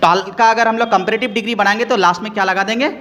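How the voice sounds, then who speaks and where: A man's voice: high voice, steady tone, racing, a bit bright, big-room sound. A man teaching an English grammar lesson, explaining patiently, repeating key words and putting questions to his students.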